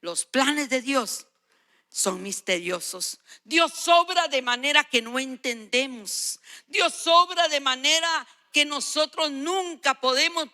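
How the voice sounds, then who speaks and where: With a high-pitched, sharp-toned voice, an older woman of sixty or more preaches as a guest, driving her points home by exhorting and repeating phrases.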